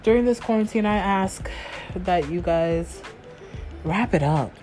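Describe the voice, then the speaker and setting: Hosting her own podcast, a woman chats loosely and casually by herself, using slang and restarting often. Her voice is on the low side, dark and unhurried, with soft music in the background.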